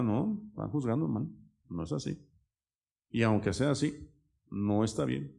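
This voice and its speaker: A man's voice: mid-range voice, vocal fry, dark tone. An older man, a pastor giving a rambling, conversational sermon full of personal stories and asides.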